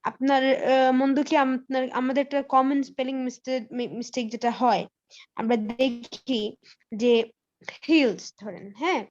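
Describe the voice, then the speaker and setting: A woman with a high voice teaches English in a live online class. She explains step by step, pausing on fillers and slipping in English phrases. Her audio sounds a little dull and lo-fi, like a computer mic on a call. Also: fairly even intonation, darkish tone.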